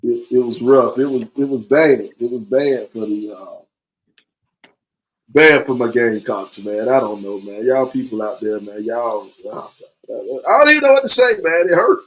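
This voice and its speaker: Forties guy hosting a podcast, animated, joking, keeps repeating himself. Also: mid-range voice, unhurried, rough recording. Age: 40s. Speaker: podcast host. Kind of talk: casual podcast banter.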